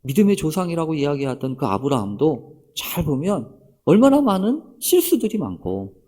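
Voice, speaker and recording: A man's voice: on the high side, wildly swooping pitch, moderate pace, mellow, husky. A man preaching a sermon as pastor, speaking straight to the congregation with many rhetorical questions.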